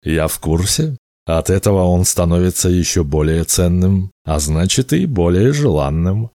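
A man's voice: low voice, expressive, normal speed, dark tone, no echo, studio quality. A man voicing a scheming old male sorcerer in an audiobook, sly and knowing. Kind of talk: audiobook character voice.

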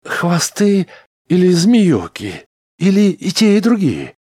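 A high, strained voice for an agitated space traveler who keeps doubting everything he hears, as a male reader puts him on. The tone is disbelieving and tight, lifted well above the reader's low, dark register. It is dry and close, in the style of an audiobook reading. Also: sing-song, a little slow, no room sound. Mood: incredulous.

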